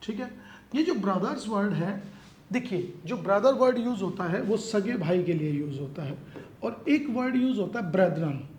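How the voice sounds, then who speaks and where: A man teaching an exam-prep grammar lesson. He explains in Hindi, mixes in English phrases, slows down to read the example sentences and often checks in with his students. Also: sits high, expressive, darkish tone. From India. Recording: echoey room with faint background noise.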